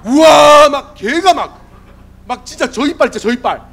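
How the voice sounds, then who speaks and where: A man in his forties delivers a youth sermon in a hoarse, worn voice that sits high. His delivery is lively and questioning, and he keeps asking the listeners whether they agree. His pitch leaps and dips all over the place. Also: moderate pace. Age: 40s. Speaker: youth pastor. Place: church sanctuary.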